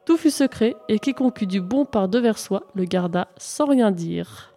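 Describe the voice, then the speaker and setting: A woman reading a classic verse tale aloud in a measured recitation. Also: medium pitch, animated, mellow, faint music behind. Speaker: reader.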